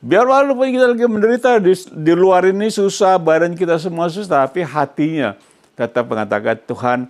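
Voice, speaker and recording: A man's voice: high-pitched, lively intonation, brisk. A male pastor preaching a sermon who keeps quizzing his congregation mid-sentence and drops English phrases into his emphatic preaching.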